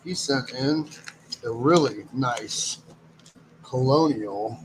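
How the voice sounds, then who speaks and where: A man's voice: mid-range voice, slow pace, background noise. A man hosting a live stream, talking casually and rambling as he greets viewers and goes through items. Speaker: live stream host running a silver auction.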